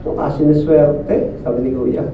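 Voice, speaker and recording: A man's voice: fairly high pitch, fairly even intonation, measured pace, dark tone, slight background noise. A man preaching a sermon at a church service in a conversational way, often asking the listeners to agree. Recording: echoey distant phone-like sound.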